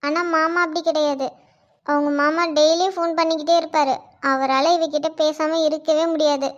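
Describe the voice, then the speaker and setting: A young best friend in a cartoon, voiced by a woman, chatty and quick with retorts in a high voice. The audio is dull and lo-fi. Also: little pitch movement, lightly acted. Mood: telling. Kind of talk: Tamil cartoon voice acting.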